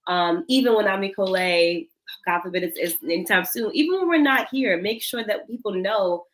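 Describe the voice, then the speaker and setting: A woman's voice: mid-range voice, moderate pace, low-quality recording. A woman in her thirties from Senegal, a guest in an interview, speaking in an earnest, reflective way with light laughs. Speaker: guest, cosmetics founder. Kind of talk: interview conversation.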